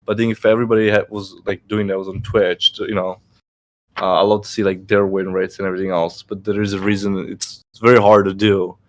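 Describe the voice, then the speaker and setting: A man's voice: low voice, flat delivery, quick pace. A man chatting casually about trading, blunt and profane, with lots of filler words. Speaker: trading course host. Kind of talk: casual chat.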